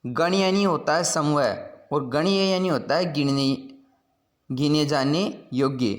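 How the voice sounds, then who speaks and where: Male teacher, slightly high voice, patient, explanatory, repeating points. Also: measured pace. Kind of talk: classroom lesson explaining word pairs.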